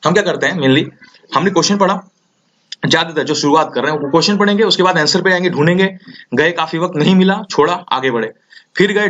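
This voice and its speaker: A young man tutoring exam students in a casual, energetic way, often checking in with "theek hai". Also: fairly high pitch. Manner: energetic, repeats "ठीक है" often. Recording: slightly dull lo-fi audio.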